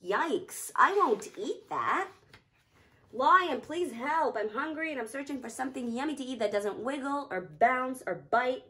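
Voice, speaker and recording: Storybook cat, fussy and hungry, read by a woman, lively pitch. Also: unhurried, exaggerated voice. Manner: fussy, whiny complaints. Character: hungry picky male pet cat.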